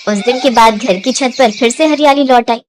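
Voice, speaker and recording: A woman's voice: fairly high pitch, normal speed, slight background noise. A woman narrating a moral story in a dramatic storytelling manner. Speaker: narrator and voice of characters. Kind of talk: storybook narration with character voices.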